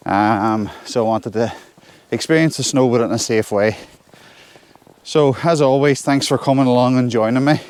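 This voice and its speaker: A man's voice: medium pitch, normal speed, darkish tone, smooth. Northern Irish man talking while trudging through snow. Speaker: solo hiker vlogging. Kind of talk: casual walking vlog. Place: outdoors on a snowy hill forest track.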